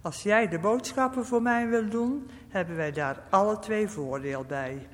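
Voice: medium pitch, a little slow, voice pushed up, lightly acted. A storyteller voicing a cheerful, hospitable old man with a cracked voice, chatty and welcoming. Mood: friendly. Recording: long reverb.

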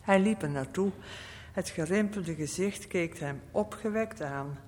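A narrator reading a story aloud in a calm, steady manner. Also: mid-range voice, a little slow. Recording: long reverb.

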